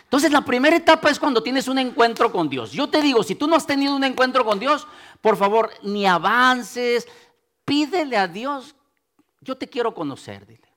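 Lively high-voiced male pastor preaching. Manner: lively preaching, acts out listeners' doubts in quick asides. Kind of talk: sermon.

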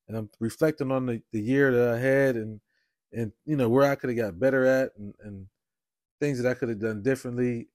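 A man's voice: mid-range voice, darkish tone, dry recording, studio quality. A man hosting his own podcast in a loose, rambling way, often tagging on "you know what I mean". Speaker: podcast host. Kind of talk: casual solo podcast talk.

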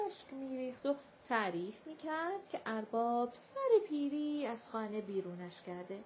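A woman reading a novel aloud in calm, measured scripted narration. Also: fairly high pitch. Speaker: audiobook narrator. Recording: dull lo-fi recording with faint hiss.

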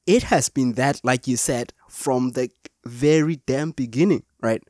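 A man's voice: medium pitch, measured pace, a little mellow, no room sound, studio quality. Emphatic man in a film review chat. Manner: emphatic, opinionated, casual slang. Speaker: podcast co-host.

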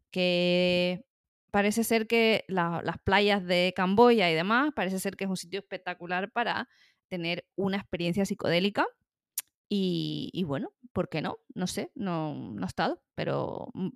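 A woman from Spain, talking through a casual podcast monologue in a relaxed, rambling way. She fills her speech with little hesitations and restarts. The recording is close and dry, with no room sound. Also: fairly low pitch, creaky, no room sound. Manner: chatty, many fillers and self-corrections. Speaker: podcast host.

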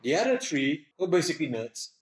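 A man's voice: on the high side, sing-song, a little fast, reverberant, a little hiss or hum. A young Malaysian man telling stories in a casual, laid-back podcast chat.

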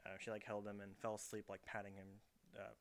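A young man's lowish voice comes across brisk and flat as he hosts a casual podcast in his bedroom. A camera set up in the room records him as he tells rambling, filler-heavy stories.

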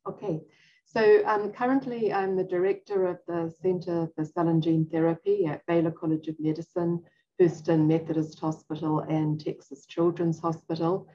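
A middle-aged woman with a New Zealand accent, a physician-scientist recounting her career in an interview, measured and full of ums. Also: lowish voice, fairly even intonation, mellow, muffled recording. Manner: measured, frequent ums, self-deprecating asides.

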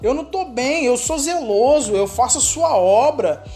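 A woman's voice: high voice, expressive, moderate pace, warm tone, soft background music, voice pushed up. A woman preacher voicing a distressed, weary male prophet who pours out his grief in a raised, pleading complaint. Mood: anguished.

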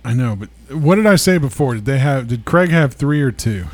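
A man co-hosting a podcast, trading crude jokes in lively, casual banter. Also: mid-range voice, a little fast, dry recording. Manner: crude, joking, animated. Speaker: podcast co-host.

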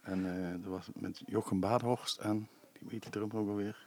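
A man's voice: on the low side, fairly even intonation, moderate pace, a little mellow. A man chatting casually, rambling and losing his thread. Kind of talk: casual chat.

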